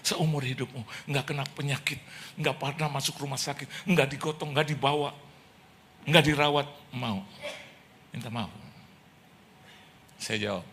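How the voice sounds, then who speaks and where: Man pastor in church, bright voice, lively storyteller acting out scenes. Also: mid-range voice, moderate pace, pauses often, slight background noise. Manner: lively storytelling with jokes and acted-out dialogue. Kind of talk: sermon.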